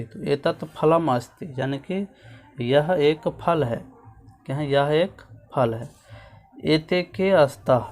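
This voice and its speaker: Man teaching a schoolbook lesson. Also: mid-range voice. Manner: repeats "ठीक है" often, drills word forms aloud. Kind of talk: school lesson explaining a textbook.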